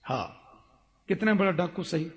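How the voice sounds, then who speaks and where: A man's voice: high-pitched, expressive, a little slow, muffled recording. A man telling a devotional story as a sermon, acting out the characters expressively. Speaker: religious storyteller. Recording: echoey hall with faint music.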